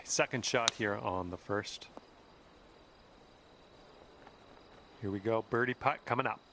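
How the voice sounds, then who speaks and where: A man's voice: medium pitch, noisy background, lightly acted. A man voicing a cheerful golf caddie. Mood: upbeat. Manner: upbeat, encouraging, folksy. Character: cheerful encouraging adult male golf caddie. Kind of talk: game voice lines. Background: background music.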